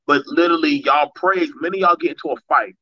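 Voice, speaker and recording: Blunt bright-voiced man, lo-fi dry mic. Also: a little high, quick pace, dry recording. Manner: blunt and animated, drops into voices when quoting people. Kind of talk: casual podcast chat.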